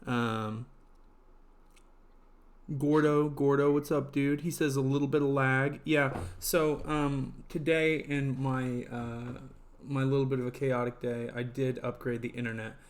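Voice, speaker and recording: A man's voice: medium pitch, level tone, a little slow. Rambling man hosting a live stream. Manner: rambling, heavy on fillers and restarts. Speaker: livestream host. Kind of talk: casual live-stream chat.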